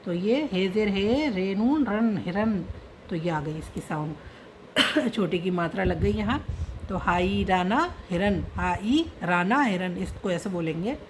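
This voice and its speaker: A woman's voice: medium pitch, a little hiss or hum. A woman teaching an online reading and writing lesson, patiently spelling out letters and their sounds one by one.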